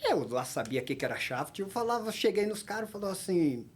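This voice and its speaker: Husky-voiced Brazilian man, forties, podcast guest; animated anecdotes with acted-out dialogue. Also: high voice, quick pace. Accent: Brazilian Portuguese. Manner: animated, acts out dialogue in his stories. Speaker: podcast guest, workplace safety technician. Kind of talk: anecdotal storytelling in a podcast interview.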